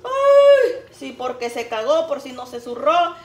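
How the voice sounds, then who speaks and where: A woman's voice: high-pitched, moderate pace. A woman, chatting in a folksy, teasing way while she cooks. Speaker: cooking vlogger. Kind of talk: casual cooking chat. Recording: roomy, faint background noise.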